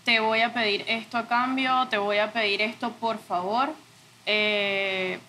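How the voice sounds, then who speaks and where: A woman's voice: medium pitch, fairly even intonation, a little slow, pushed and bright, a little hiss or hum. A woman speaking reflectively in an interview, searching for words and correcting herself. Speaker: interview guest, audiovisual art director.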